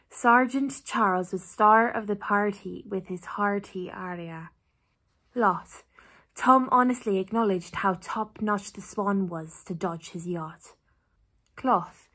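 A young Irish woman with a Cork accent reads sentences aloud. Her voice is husky and sits at a middling pitch. She goes slowly and deliberately. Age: young adult. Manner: careful, deliberate reading. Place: small bedroom, indoors.

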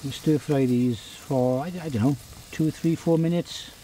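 A Welsh man in his fifties giving a relaxed, chatty cooking demonstration outdoors on a beach, with many ums and uhs. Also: mid-range voice, unhurried, a little hiss or hum. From Wales. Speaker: forager and outdoor cook.

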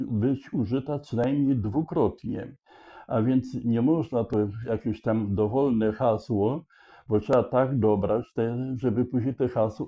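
Male puzzle explainer, unhurried and halting, restarts mid-phrase; dull lo-fi recording. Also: mid-range voice. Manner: thinks aloud with many hesitations and restarts. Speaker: puzzle solver explaining a charade. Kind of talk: slow explanatory walkthrough. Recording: dull lo-fi sound.

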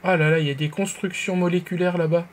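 A man streaming a game live, talking to himself, jumping between hushed nervous murmurs and loud excited outbursts. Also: sits high, fast. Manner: jittery, talks to himself, whispers when nervous. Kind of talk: live gameplay commentary.

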